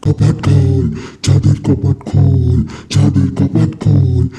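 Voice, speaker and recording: A man's voice: mid-range voice, flat delivery, slow, dark tone. An actor playing a young man possessed by a hungry demon, who menaces and keeps repeating his commands. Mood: commanding. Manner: menacing, repeats commands, threatens to devour everyone.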